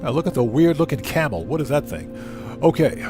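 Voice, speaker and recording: With music playing underneath, a live streamer hosts a laid-back gaming stream from an indoor room at home, reading chat aloud and answering it as he plays. His voice is a little high and sing-song, and he speaks fairly quickly.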